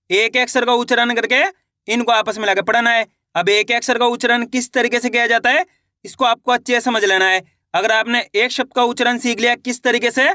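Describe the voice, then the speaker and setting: A man's voice: extremely high pitch, bright, forceful tone, no room sound, studio quality. A man teaching a Hindi reading lesson to his viewers, asking questions and answering them himself.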